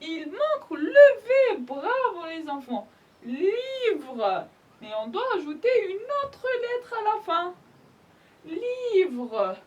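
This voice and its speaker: A woman teacher with an Algerian accent leads a French lesson for small children. Her voice sits very high and moves up and down expressively. She spells out each letter patiently and praises the class often. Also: big pitch swings, very slow, a little mellow, lo-fi sound. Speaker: primary school French teacher. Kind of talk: slow, clear spelling lesson for young children.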